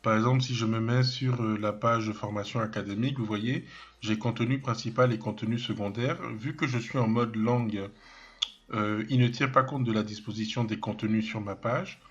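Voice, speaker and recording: A man giving a software tutorial, hesitant and full of fillers and restarts, thinking aloud as he clicks, with self-mocking asides. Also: lowish voice, steady tone, moderate pace, highs cut off. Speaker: web development trainer. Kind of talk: screen-recorded software tutorial.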